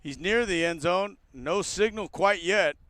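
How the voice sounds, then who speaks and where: A man doing live play-by-play commentary of a college football game for a radio broadcast, rising with excitement on big plays. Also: sits high, measured pace, no echo. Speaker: play-by-play announcer.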